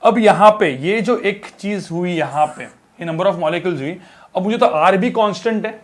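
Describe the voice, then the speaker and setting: A fairly high-pitched young man teaching a physics class in a loose, conversational way. He often stops to check in with his students and drags out words as he writes on the board. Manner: talks while writing on a board, drawn-out words, many filler checks. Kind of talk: casual classroom lecture.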